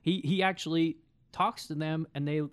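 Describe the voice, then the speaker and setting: A man co-hosting a casual political podcast, sardonic and weary, often trailing off into a low mutter. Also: fairly even intonation, moderate pace, clear, resonant tone. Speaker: podcast co-host.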